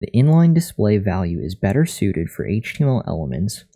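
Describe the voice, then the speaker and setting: A man's voice: on the low side, big pitch swings, a little fast, dark tone, breathy edge. A man streaming live while learning to code, reading lesson text aloud and adding joking asides. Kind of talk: casual live-stream commentary.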